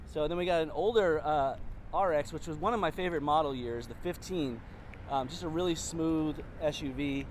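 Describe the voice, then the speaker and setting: Filmed on a phone held at arm's length, this casual walk-and-talk promo features a finance manager in his thirties strolling a dealership's outdoor lot. He speaks at a moderate pace in a fairly high voice, upbeat and full of ums, with a little hiss or hum.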